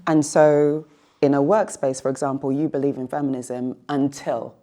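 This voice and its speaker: A woman's voice: a bass voice, fairly even intonation, moderate pace, mellow. A woman in her forties, a guest on a panel, speaking thoughtfully and rephrasing her points as she searches for words. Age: 40s. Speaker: panel guest, well-being coach. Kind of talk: casual discussion.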